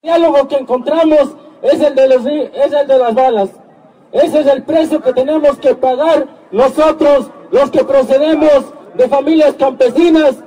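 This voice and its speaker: High-voiced indignant student man. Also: mellow, low-quality recording. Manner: indignant, emphatic demands. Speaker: student spokesman. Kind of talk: protest statement to press.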